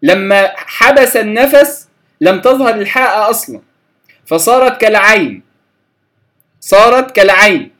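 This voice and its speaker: A man teaching Quran recitation, slowly repeating letter sounds to contrast wrong and right pronunciation. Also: high-pitched, expressive, a bit bright. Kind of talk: lecture on letter articulation.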